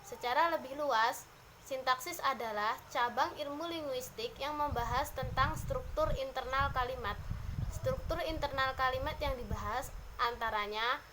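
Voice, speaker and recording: Young woman, student presenter, class presentation, measured list-like delivery, bright tone, high voice. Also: a little hiss or hum, low-quality recording.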